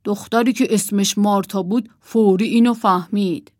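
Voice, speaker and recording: A woman's voice: mid-range voice, steady tone, a little mellow, no room sound, studio quality, natural voice. A woman voicing a boastful male toy wolf doll who talks proudly.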